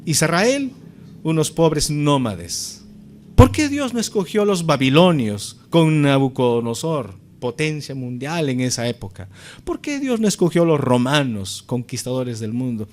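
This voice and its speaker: A man's voice: a little high, very animated, unhurried, a little mellow. A man preaching a sermon as pastor, talking earnestly to his congregation and building to emphatic peaks.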